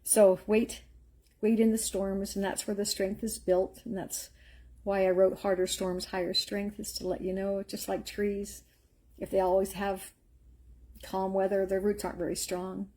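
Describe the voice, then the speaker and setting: Husky, mellow-voiced woman giving faith encouragement. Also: medium pitch, flat delivery, moderate pace. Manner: earnest, rambling, storytelling with filler words. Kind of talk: live-streamed faith encouragement talk.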